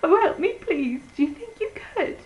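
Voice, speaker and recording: A woman voicing a clever, plucky little male pig in a storybook poem, high and excitable. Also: normal speed, muffled recording. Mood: pleading.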